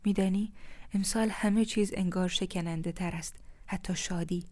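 A woman voicing a warm but uneasy young woman, soft and reflective, in a storybook reading. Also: lowish voice, fairly even intonation, natural voice.

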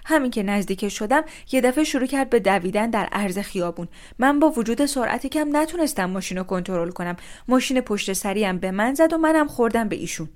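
A woman voicing a male car driver who pleads his case loudly and insistently, shifting the blame in a read-aloud story. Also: medium pitch, hardly any pauses, natural voice. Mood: self-pitying. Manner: loud, insistent, self-pitying.

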